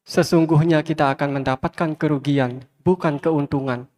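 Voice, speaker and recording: With a slightly high, slightly mellow voice and fairly even intonation, a Buddhist monk preaches at a moderate pace. His sermon uses repeated, emphatic phrases addressed straight to listeners, recorded with long reverb in a large hall holding many fans.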